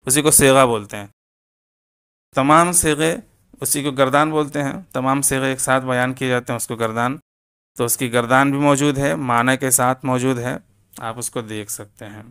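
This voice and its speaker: A man teaching word-by-word meanings in a slow, deliberate lesson, repeating each meaning. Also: medium pitch, a bit bright, smooth. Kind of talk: step-by-step lesson.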